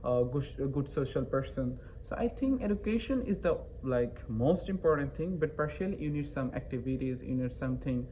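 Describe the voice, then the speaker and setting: A man's voice: medium pitch, expressive, moderate pace, hardly any pauses, warm tone, a little hiss or hum, poor audio. A young man from Bangladesh, a student and interview guest, answering hesitantly with many fillers and restarts. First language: not English. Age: young adult.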